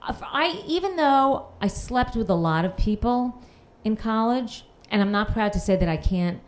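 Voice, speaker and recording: A woman's voice: a little high, animated, normal speed. Sarcastic New woman comic. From Queens, New York. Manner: dry, self-mocking, reads messages aloud with sarcasm. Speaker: stand-up comedian on a panel show. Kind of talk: stand-up comedy set. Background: audience laughter.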